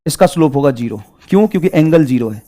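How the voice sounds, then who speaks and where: A man's voice: a little high, animated, fast, dark tone. A man teaching a math lesson, repeating each point over and over and calling his students children. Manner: repetitive, drills points over and over; addresses students fondly as children. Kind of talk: classroom lesson.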